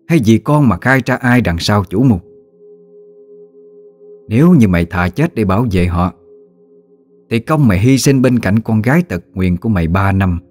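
A man's voice: fairly low pitch, darkish tone. A man doing a harsh, vengeful old mistress. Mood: cold. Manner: harsh, threatening, interrogating. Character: stern, vengeful older mistress of a magistrate's house.

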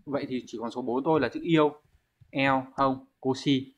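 A man's voice: mid-range voice, fairly even intonation, moderate pace. A man with a Vietnamese accent teaching a Japanese exam lesson, explaining each answer step by step and asking himself questions. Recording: dull lo-fi recording.

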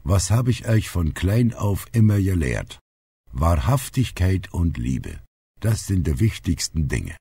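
A man reading an audiobook, voicing a blunt, outspoken old grandfather who is gruff but loving. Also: sits low, very animated, slow pace, warm tone, dry recording, voice pushed up, heavily acted. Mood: earnest, bitter. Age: older. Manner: blunt, plainspoken.

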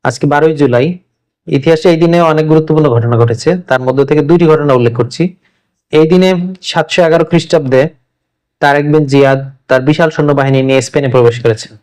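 A man from Bangladesh teaching English vocabulary in an informal lesson. He repeats each word's meaning and reads the example sentences slowly. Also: on the high side, darkish tone.

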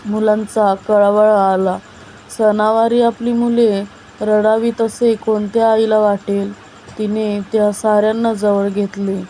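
A woman narrating a family story in a steady, measured reading voice. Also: medium pitch, a little hiss or hum, poor audio.

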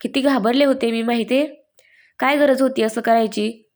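A woman voicing an emotional, quick-tempered young woman who scolds fast and breaks into sobs. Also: fairly high pitch, steady tone, darkish tone, lightly acted. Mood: irritated scolding. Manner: rapid, scolding then sobbing speech.

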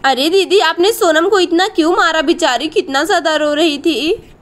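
A woman voices a kind village mother in a doll storybook tale. She speaks gently and patiently, and her voice is very high. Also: moderate pace. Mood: reasoning. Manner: gentle, soothing, advising.

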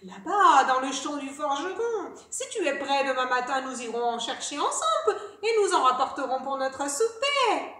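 A woman voicing a menacing, sly male wolf in a storybook reading, with slow, drawn-out, growling threats. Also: high-pitched, sing-song, pushed and bright, exaggerated voice. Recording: echoey room, a bit distant.

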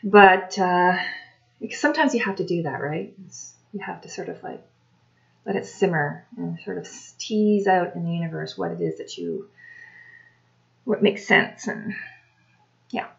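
A woman talking casually to camera as a tarot reader, unhurried and full of ums and restarts. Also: on the low side, creaky, lo-fi sound. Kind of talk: casual solo talk to camera.

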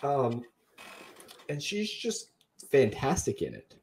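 A man's voice: medium pitch, huge pitch swings, slow, vocal fry, a little mellow. A young man co-hosting a casual film review podcast, rambling and chatty. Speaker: podcast co-host.

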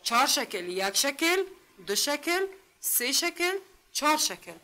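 A woman with an Afghan Dari accent teaches a literacy class, sounding out letters and syllables slowly. She asks the class questions over and over and praises their answers frequently, her voice high, sing-song and sharp in tone.

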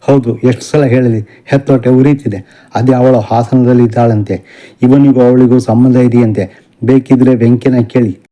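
A man's voice: mid-range voice, fairly even intonation, unhurried, mellow, lightly acted. A man voicing a crying, anxious middle-aged mother in an audio novel, in a tearful, bitter complaining way.

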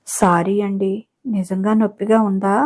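A timid, tender young wife apologizes softly in this storybook romance, as a woman narrator reads her lines. The tone is mellow and warm. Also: medium pitch, flat delivery, measured pace, natural voice. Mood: apologetic.

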